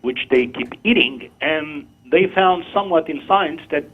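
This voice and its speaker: This talk show caller, a man from Morocco in his fifties, argues his position in brief, insistent, sincere bursts. His fairly high voice is expressive and unhurried, heard over a tinny phone line.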